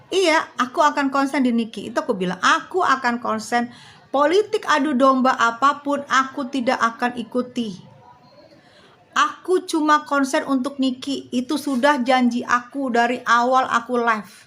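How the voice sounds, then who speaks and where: A woman's voice: high-pitched, moderate pace, pushed and bright. A woman, livestreaming and talking bluntly and directly to her viewers. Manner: blunt, slangy, speaks straight to her viewers. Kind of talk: live stream chat.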